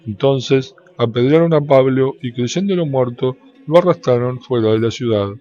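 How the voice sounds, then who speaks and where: A man giving a measured, solemn scripture reading that lifts into a sung lilt at the ends of phrases. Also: medium pitch, mellow. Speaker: Bible reader. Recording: dull, lo-fi with faint background noise.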